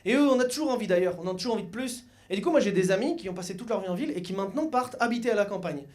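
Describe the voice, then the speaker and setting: High-voiced young man doing stand-up. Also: very fast. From Mayenne, France. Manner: lively, joking, acts out voices of others. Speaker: stand-up comedian. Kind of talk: stand-up comedy. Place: comedy club stage before an audience. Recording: live club recording with audience laughter.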